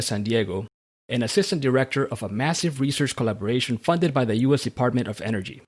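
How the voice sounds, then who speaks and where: A man from Central America, hosting a podcast in a measured, read-aloud manner. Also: mid-range voice. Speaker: podcast host. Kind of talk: scripted podcast monologue and interview.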